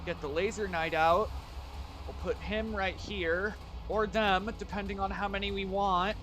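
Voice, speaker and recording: Guy streaming a game, high bright voice, loose chatty talk w/ chat, swears a lot. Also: fairly even intonation, unhurried, soft background music. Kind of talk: casual gameplay commentary.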